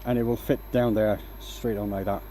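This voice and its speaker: On his woodturning live stream, a Danish man works and talks casually, relaxed, explaining each step and often asking "right?". His accent is light Danish, mostly mixed from English accents he absorbed online. His voice is on the low side at normal speed, with slight background noise.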